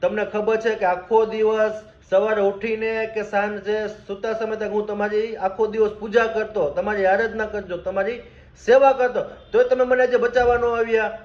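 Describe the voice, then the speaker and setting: Male storyteller doing a stubborn old priest, indignant and insistent, high-pitched, roomy dull recording. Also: fairly even intonation, brisk, a little mellow, close to an everyday voice. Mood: angry.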